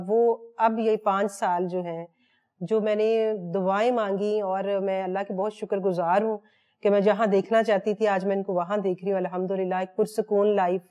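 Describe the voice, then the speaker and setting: A woman's voice: mid-range voice, mellow. A woman from Pakistan, a guest speaking earnestly and devoutly about her husband on a talk show. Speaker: guest, wife of the former cricketer. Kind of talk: heartfelt talk-show chat.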